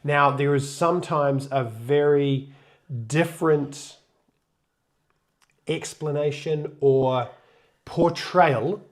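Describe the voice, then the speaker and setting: A man's voice: a little high, slow pace, long pauses. A man hosting a casual live stream, chatting loosely and jokingly while getting over a cold. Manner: chatty, loose, restarts and jokes. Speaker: co-host of a sailing channel live stream.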